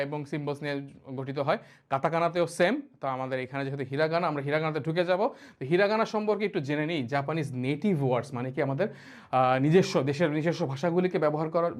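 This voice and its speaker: A man with a voice pitched a little above most men's leads a beginners' language lesson. He speaks casually and patiently, saying sounds one by one so learners can follow, and often trails off with loose filler phrases. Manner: patient, repeats syllables slowly for learners to copy. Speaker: language teacher.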